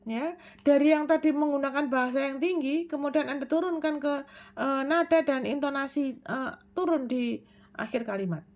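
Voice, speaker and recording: A woman giving a self-improvement talk, explaining in a measured way, posing questions and answering them herself, with frequent hesitation fillers. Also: high voice, fairly even intonation, darkish tone.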